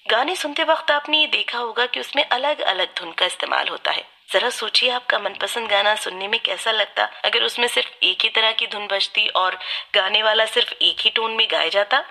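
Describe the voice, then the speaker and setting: A woman giving a scripted book-summary narration in a clear, steady, explanatory way. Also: medium pitch.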